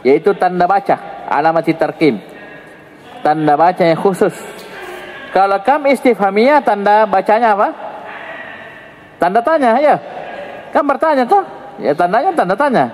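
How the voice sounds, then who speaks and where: A male teacher with an Indonesian accent talks through an Arabic grammar lesson in a fairly high voice. He jokes with the students and moves his pitch up and down to demonstrate intonation. His voice rings with a long reverb, as if he is in a hall. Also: normal speed, pauses often, slight background noise. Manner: lively, joking, swings pitch up and down to show intonation. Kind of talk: classroom lesson explaining grammar.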